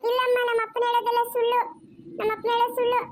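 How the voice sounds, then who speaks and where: Cartoon child: woman voices insistent little girl, high and monotone. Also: racing. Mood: accusing. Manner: insistent, repetitive. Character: stubborn young girl who rejects her father. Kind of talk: cartoon voice acting.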